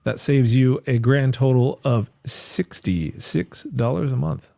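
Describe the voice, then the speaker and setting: A young man who is a loan officer co-hosts a mortgage podcast, explaining things in an easygoing, joking way. His mid-range voice is mellow with vocal fry, slow-paced, recorded in studio quality without echo. It's a casual chat.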